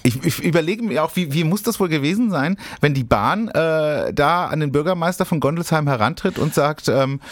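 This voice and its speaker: A man's voice: on the high side, lively intonation, moderate pace, few pauses, dry recording. Hesitant amused man from the west. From West Germany. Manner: hesitant, many fillers and restarts, amused. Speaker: podcast co-host. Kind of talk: casual chat.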